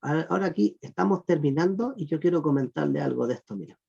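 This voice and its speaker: A teacher giving an online class on Greek verb grammar, patiently repeating "look" and asking the class whether it is clear. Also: medium pitch, lively intonation, quick pace, dark tone. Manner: patient, repeats "miren" and "fíjense" often; asks the class check questions. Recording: muffled lo-fi recording.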